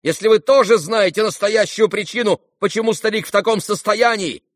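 A bitter young man shrieks his reproaches in a high, strained voice, as a man acts him out. The sound is dry and close. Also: huge pitch swings, extremely slow, a little mellow, breathy edge, no echo, full character voice. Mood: shrill. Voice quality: shrill, choking with anger.

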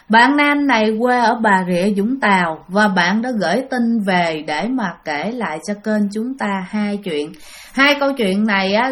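A woman hosting a channel and telling a ghost story aloud, speaking chattily to her listeners with dramatic pauses. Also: mid-range voice. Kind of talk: spoken ghost story narration.

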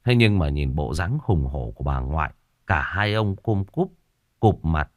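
A man narrating a ghost story in an expressive storytelling manner. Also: a bass voice, a little slow, no room sound, muffled recording.

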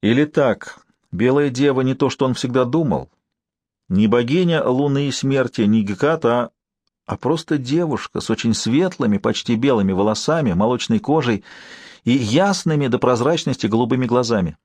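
A male audiobook narrator reads in a measured, literary way, with his voice pitched in an unremarkable middle range. The recording is dry and close, with no room echo. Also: animated, a little mellow. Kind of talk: scripted narration.

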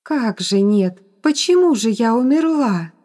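Woman putting on a fake ghost girl, high slow eerie voice, sweet then threatening, storybook style. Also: lively intonation, darkish tone. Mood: coaxing. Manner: coaxing then menacing, high and drawn out. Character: young woman posing as a vengeful ghost.

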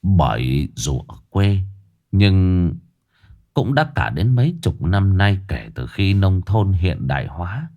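A man narrating a ghost story. His voice sits low but moves a lot in pitch, and he tells it with dramatic expression. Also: sing-song, slow, narrow, tinny audio.

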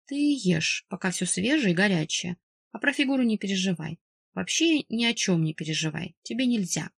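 A doting middle-aged father, voiced by a woman reading an audiobook, who fusses and coaxes yet snaps into gruff orders. He sounds stubborn and protective, used to being the boss. The recording is dry and close, with no room sound. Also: mid-range voice, lively intonation, normal speed, no room sound. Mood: coaxing. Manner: coaxing and fussing, turning gruff and commanding. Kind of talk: audiobook character voice.

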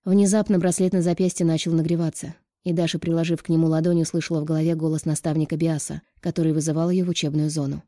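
Woman narrator for an audiobook, lowish and mellow, steady, read in a dry close-miked sound. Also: quick pace, hardly any pauses, no echo.

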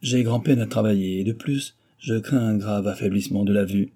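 A man voicing a wounded, weary novelist who speaks quietly. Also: on the low side, brisk, husky. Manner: quiet, subdued.

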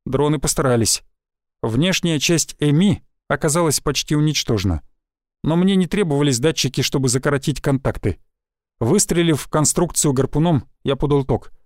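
A man narrating a first-person science-fiction audiobook in a steady, even voice. His pitch sits somewhat high for a man, and the sound is dry and close. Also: normal speed, no room sound.

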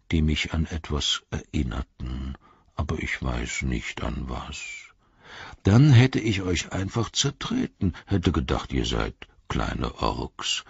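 A man voicing an ancient, patient male tree giant with a rumbling, drawn-out, hushed voice. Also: gravelly, husky, dry recording, highs cut off, exaggerated voice.

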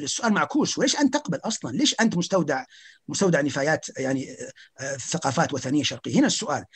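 A man's voice: high-pitched, breathy edge. A man, speaking as an academic guest on a podcast, arguing emphatically with rhetorical questions and stumbling restarts. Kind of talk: podcast conversation.

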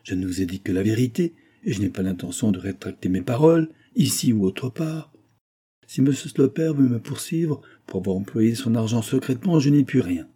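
A man's voice: mid-range voice, a little fast, mellow, breathy edge, natural voice. A man reading the part of an accused male clerk who protests his honesty, in an indignant, protesting manner.

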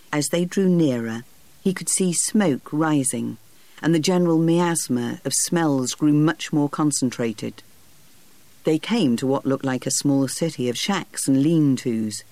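Male audiobook narrator, steady and measured, slightly high voice, dry close sound. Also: dry recording.

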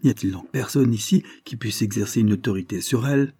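A man voicing an irritated doctor who curtly demands that the room be cleared. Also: on the low side, a little fast, mellow, no echo. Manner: curt, commanding.

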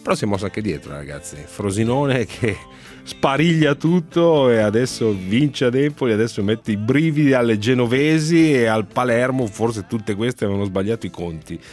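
A man presenting a sports radio show conversationally, with halting, searching phrases and dramatic emphasis. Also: medium pitch, lively intonation, a little mellow, faint music behind. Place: radio studio.

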